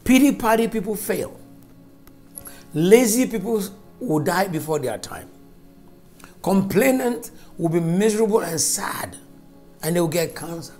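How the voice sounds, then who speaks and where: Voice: medium pitch, darkish tone. A preacher giving a fervent, emphatic sermon and spoken prayer, repeating phrases for stress.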